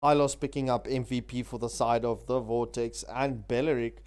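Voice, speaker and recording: A man giving live esports commentary in an animated, chatty way, repeating himself for emphasis. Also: mid-range voice, normal speed, smooth. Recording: noisy stream mic with clicks.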